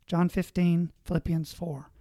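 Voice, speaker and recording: Earnest priest giving advice. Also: male voice, fairly high pitch, level tone, measured pace, dark tone, no room sound, clean studio sound. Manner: earnest, exhortative, lists points. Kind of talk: conversational advice on a panel.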